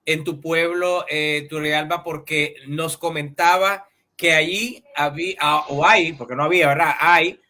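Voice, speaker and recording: High, bright-voiced male interview host. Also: fairly even intonation. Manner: measured, formal questions. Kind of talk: interview hosting.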